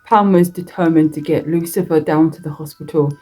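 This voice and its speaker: A woman narrating a horror story in a slow, deliberate reading that draws out its words. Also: deep voice, fairly even intonation, warm tone, faint music behind, rough recording.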